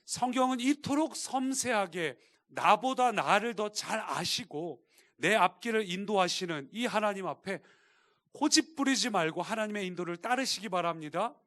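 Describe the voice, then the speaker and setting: A male pastor preaching a sermon, shifting between quiet explanation and emphatic appeals to the congregation. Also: high voice, expressive, moderate pace. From Korea. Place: church sanctuary.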